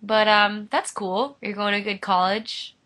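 A woman's voice: mid-range voice, steady tone, measured pace, sharp tone. A teenage girl hosting a livestream, chatting playfully with a caller and giggling often. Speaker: livestream host. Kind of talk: casual livestream chat.

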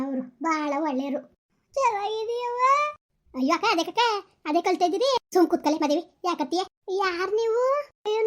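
Gossiping village mothers and in-laws, played by a woman in a comedy skit. The voice sits high and races along, full of exclamations and repeated phrases. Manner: chatty, exclaiming, repetitive village talk. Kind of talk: rural comedy skit acting.

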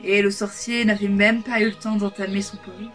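A woman's voice: mid-range voice, level tone, brisk. Woman reading a fairy tale aloud. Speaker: storyteller. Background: soft background music.

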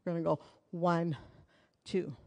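A middle-aged woman with a fairly low, mellow voice teaches hula while dancing in a small indoor studio with curtains and a wooden floor. At a measured pace and level tone, she counts beats and half-sings lyrics, keeping things chatty and playful with jokes and asides.

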